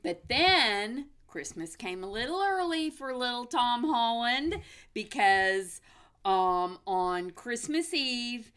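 A woman's voice: a little high, animated, takes it slowly, fairly bright tone, smooth. An American woman hosting a casual movie news chat in an upbeat, chatty, folksy way. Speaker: movie podcast host.

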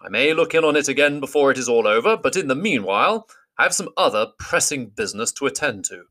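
Old storybook wizard, wise and commanding, raised bright tone, as a narrator puts him on. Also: male voice, mid-range voice, lively intonation, fast talker, pitched above the performer's own voice. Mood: grave. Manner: grand, formal speech.

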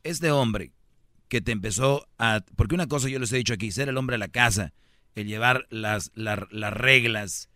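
A man's voice: mid-range voice, moderate pace, sharp tone, dry recording, studio quality. A man hosting a radio call-in show, giving blunt, emphatic, opinionated advice.

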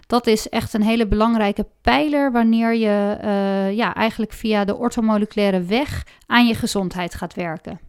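Woman, 30s, from the Netherlands, podcast guest; smooth resonant voice, earnest and hesitant. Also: medium pitch, normal speed, hardly any pauses. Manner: earnest explaining, frequent hesitations. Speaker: guest health coach. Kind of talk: podcast interview.

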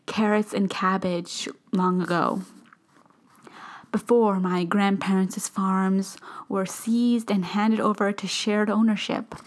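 A woman reading a first-person story aloud, often slipping into a soft whisper. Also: mid-range voice. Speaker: narrator.

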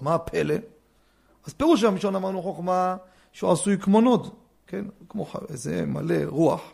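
A man, a rabbi, giving a religious lesson, telling stories with joking asides and swinging from hushed remarks to loud emphasis. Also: fairly high pitch, vocal fry, breathy edge. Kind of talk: Torah lesson with anecdotes.

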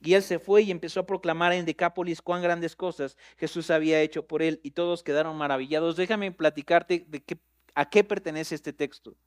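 Man, pastor's sermon, high voice, conversational, talks to the listeners, swells to loud emphatic peaks. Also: fairly even intonation, brisk.

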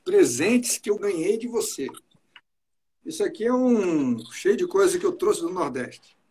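A man hosting a casual chat, showing and describing objects to his guest in a relaxed, talkative way. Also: high-pitched, unhurried. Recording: noisy recording with clicks.

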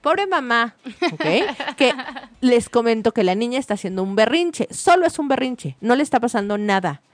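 A woman tells parenting stories in a lively, animated way and acts out voices in them. Her voice sits a little high. The sound is close and dry, with no room around it. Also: fairly quick, dry recording. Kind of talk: casual parenting chat.

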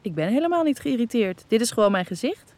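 A woman's voice: on the high side, very animated, fast, a little mellow, voice pushed up. A woman reading a teasing young man.

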